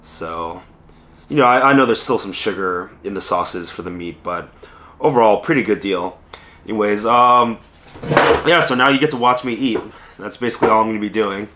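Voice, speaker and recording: A man from Southern California, hoarse from a lingering illness, chatting casually in a food vlog with many ums and pauses. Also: on the low side, pushed and bright, slight background noise. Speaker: food vlogger. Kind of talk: casual rambling mukbang vlog. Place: restaurant dining room.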